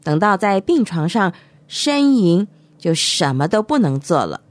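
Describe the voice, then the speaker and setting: A woman tells a Bible story to children, talking straight to them with an animated delivery. Her voice rises and falls widely. It is recorded close and dry. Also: fairly low pitch, measured pace, no echo. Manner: animated, addressing children directly.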